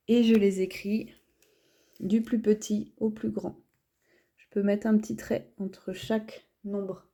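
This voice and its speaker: A woman teacher sounds out reading homework syllable by syllable, pausing deliberately between each one. Her delivery is extremely slow and unhurried, with a mellow, warm tone. She explains simple words patiently, the way one does for small children. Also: medium pitch. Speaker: schoolteacher. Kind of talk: homework reading and dictation lesson.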